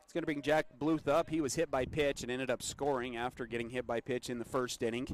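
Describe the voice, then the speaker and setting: A man calling a high school baseball game for local radio from a booth at the ballfield. He delivers steady play-by-play at a middle pitch and laughs easily with his partner between pitches. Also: fast. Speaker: play-by-play announcer.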